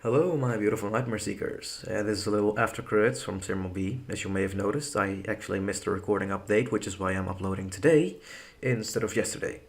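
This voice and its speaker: A young man who narrates horror stories and chats to his listeners in a relaxed, rambling way between readings. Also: on the low side, fast. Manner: relaxed, rambling, with fillers and restarts. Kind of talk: horror story reading and casual sign-off.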